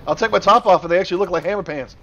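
A man's voice: high-pitched, rapid-fire, lo-fi sound, slight background noise. A man hosting a multiplayer let's play, joking with friends and talking to the game as he plays. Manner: playful, joking, yells at the game. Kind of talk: casual multiplayer gameplay chat.

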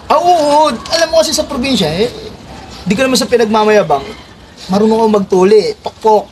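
A man playing a boastful, bossy village circumciser in a comedy skit, loud and swearing. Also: sits high, brisk, noisy background, close to an everyday voice.

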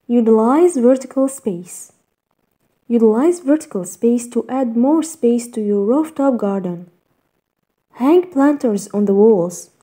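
A woman reading a scripted voice-over in a measured, even list-reading way, narrating step-by-step tips. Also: a little high. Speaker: narrator of a garden design slideshow.

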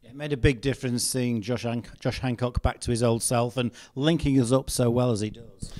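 A man's voice: medium pitch, fairly even intonation, moderate pace, darkish tone. A man interviewing a player for a club TV channel after a match, recapping goals in a chatty, commentary-like way. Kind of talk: post-match interview questions.

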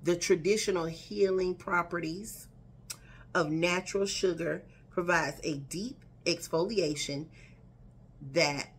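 Talking directly to her viewers from her living room, this vlogger has a low voice with a breathy edge. She's animated and chatty, addressing people as y'all and girl, with the camera set in front of her at desk distance.

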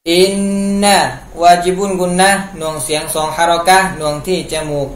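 A man's voice: fairly high pitch, steady tone, moderate pace. Man teaching Quran recitation. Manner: recites a phrase, then explains pronunciation rules patiently. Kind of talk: step-by-step recitation lesson. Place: room at home. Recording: echoey room with faint noise.

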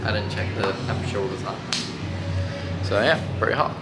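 A man's voice: lowish voice, fairly quick, loud music behind the voice, poor audio. Man making dry joking asides. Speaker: vlogger's partner. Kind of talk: casual chat.

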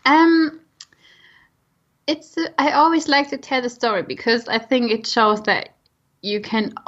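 A young German woman with a German accent, a nutrition coach appearing as a podcast guest, tells her own story conversationally. Her voice is a little high and a bit bright, with a steady tone and measured pace, and the audio sounds dull and slightly lo-fi.

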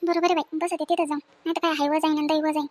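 A woman, acting as a sharp-tongued, fearless village woman in an amateur family skit, scolding and teasing in quick speech. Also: high-pitched, level tone, background noise, lightly acted. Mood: chatty.

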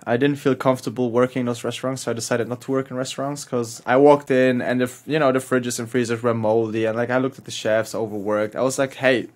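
A man's voice: medium pitch, flat delivery, quick pace, hardly any pauses. A man from Hamburg speaks, a chef in his thirties recounting his travels on a podcast. He talks in loose, slangy bursts, laughs through his stories, and swears without a second thought. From Hamburg, Germany. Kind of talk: casual storytelling.

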